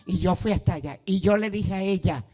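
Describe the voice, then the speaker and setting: Male preacher, high pitch and warm tone, storytelling sermon with repetitive pleading altar calls. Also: fairly quick. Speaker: pastor. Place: church.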